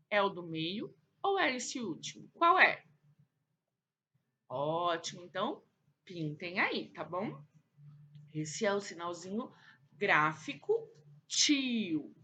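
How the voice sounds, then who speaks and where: A woman's voice: mid-range voice, big pitch swings, measured pace, a bit bright, slightly rough. A woman teacher with a Brazilian accent, giving a recorded lesson to children in an affectionate, coaxing way, asking and answering her own questions. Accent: Brazilian Portuguese.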